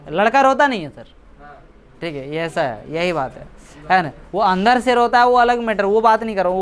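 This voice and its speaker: A man's voice: high voice, fairly bright tone. A man teaching a class, chatty and joking, teasing and scolding his students. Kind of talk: classroom lecture explaining a story.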